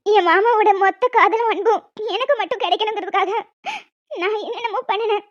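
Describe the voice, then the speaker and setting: A woman's voice: very high-pitched, brisk. A woman voicing a remorseful, jealous young woman who talks in an earnest, pleading way. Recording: dull lo-fi audio with music.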